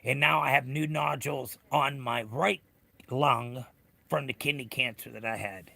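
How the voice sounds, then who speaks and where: Middle-aged American male livestreamer, heavily gravelled whiskey voice with a forceful edge, rambling, blunt, off-the-cuff chat. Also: mid-range voice, measured pace. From United States. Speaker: livestream host. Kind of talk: casual chat with viewers.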